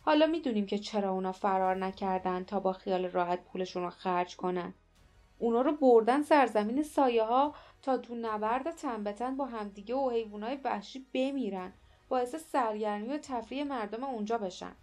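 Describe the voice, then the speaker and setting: A woman voicing a grim grown man, a warrior who talks low and hushed. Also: soft background music, close to an everyday voice.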